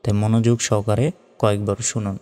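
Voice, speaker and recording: A man teaching Quran reading, spelling out the Arabic letters and vowel marks one by one and chanting each verse in a slow, drawn-out way. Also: on the low side, flat delivery, a little mellow. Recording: long reverb, faint music.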